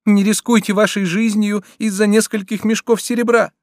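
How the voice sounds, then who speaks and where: A man's voice: sits high, level tone, moderate pace, darkish tone, dry recording, studio quality, voice pushed up, natural voice. A man reading an audiobook who voices a young noblewoman imploring her father in an urgent, pleading tone.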